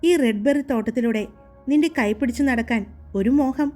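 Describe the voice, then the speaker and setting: A woman voicing a hot-tempered young man, a blunt, protective boss, in a firm, teasing, lower-pitched delivery for a romance audiobook. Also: a little fast, dark tone, soft background music, natural voice.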